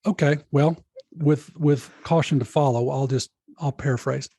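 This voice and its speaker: Husky-voiced man telling a story. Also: on the high side, steady tone, normal speed, warm tone, dry recording. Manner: earnest, keeps addressing the host by name. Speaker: podcast guest, lawyer. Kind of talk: storytelling in an interview.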